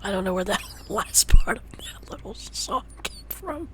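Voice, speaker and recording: A tired young woman chatting while playing a game, teasing her partner and often dropping into soft whispers and little sung bits. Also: mid-range voice, lively intonation, normal speed, background noise. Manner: teasing and playful, drops to soft whispers, hums little songs. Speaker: streamer. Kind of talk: casual gaming chat.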